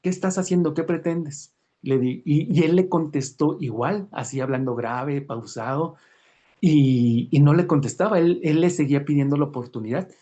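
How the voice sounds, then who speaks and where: A man's voice: fairly high pitch, normal speed, dark tone. A man teaching an online class, telling an anecdote with frequent "right?" tags and restarts. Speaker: course instructor.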